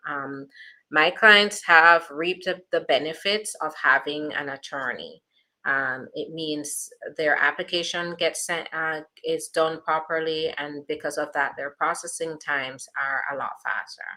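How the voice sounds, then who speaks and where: Speaking a little slowly in a low register, a woman with a bright, forceful tone and a Jamaican accent reads viewer questions aloud in a live Q&A. An immigration attorney, she chats reassuringly, with plenty of fillers.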